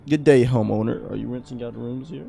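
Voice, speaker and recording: A man's voice: medium pitch, brisk, vocal fry, over music. A man voicing a prim, uptight male game character in a nerdy, indignant voice. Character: prim, fussy male would-be renter, uptight.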